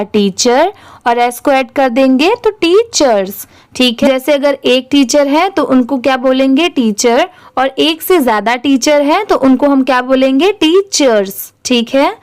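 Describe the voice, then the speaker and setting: A woman teaching English reading, spelling words out letter by letter in a slow, patient way. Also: high-pitched, smooth.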